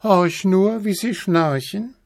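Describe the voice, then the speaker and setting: A man's voice: high-pitched, takes it slowly, voice pushed up. A man voicing a small, playful cat calling down from a tree.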